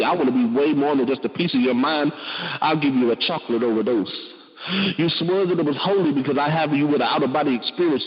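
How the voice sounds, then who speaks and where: A man voicing a boastful, smooth-talking male seducer persona, reciting crude rhyming spoken word. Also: on the high side, lightly acted. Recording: muffled with long reverb.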